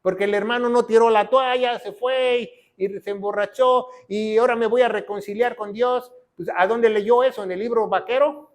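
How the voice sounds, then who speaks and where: A male pastor preaching a sermon, mixing loud emphatic declarations with quiet low lines and frequent tag questions. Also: steady tone, normal speed, hardly any pauses.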